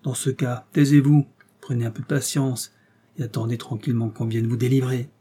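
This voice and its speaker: A man's voice: medium pitch, level tone, brisk, mellow, husky, close to an everyday voice. A man voicing a composed, polite male police detective who speaks with courteous formality. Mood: calm.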